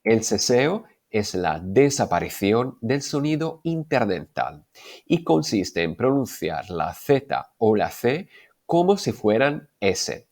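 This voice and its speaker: A man giving a Spanish language lesson, explaining clearly and methodically and slowing down to sound out his examples. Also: mid-range voice, sing-song, darkish tone. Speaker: Spanish teacher.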